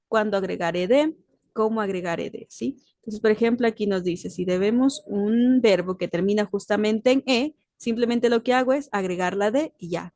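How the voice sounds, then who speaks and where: A woman's voice: medium pitch, darkish tone, no room sound. Patient teacher woman, very dry sound. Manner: explains patiently, mixing Spanish and English, checking in with "¿sí?". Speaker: English teacher. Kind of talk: recorded online lesson.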